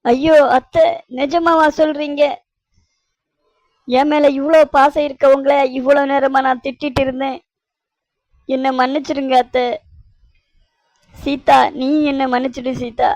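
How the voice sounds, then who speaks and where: Doing cartoon voice acting, a woman plays a bewildered young husband who grumbles and complains sarcastically, sounding exasperated. Her natural, mid-range voice has a darkish tone, moves a little slowly with long pauses, and carries no room sound.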